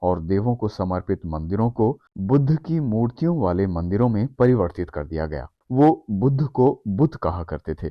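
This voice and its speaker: A man with a low voice narrates a scripted history explainer at a measured, steady pace. The voice-over is dry and close, with no room sound. The sound is a little dull and muffled. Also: no echo. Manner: measured, steady read-aloud delivery.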